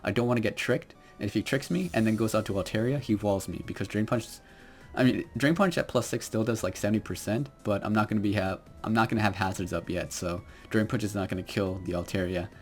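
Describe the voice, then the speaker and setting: Hesitant young man, low voice. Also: fast talker. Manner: quiet, hesitant, many fillers. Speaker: Pokemon battle commentator. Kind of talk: game commentary.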